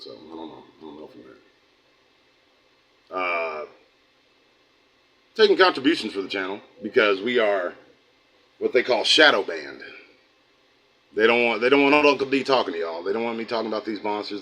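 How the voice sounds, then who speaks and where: A man's voice: fairly low pitch, lively intonation, a little fast, bright, forceful tone, slight background noise, poor audio. A middle-aged man from the United States hosting a livestream, chatting casually with viewers in a folksy, rambling way that drifts into preaching. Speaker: host of a livestream channel. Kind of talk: casual livestream talk, reading chat.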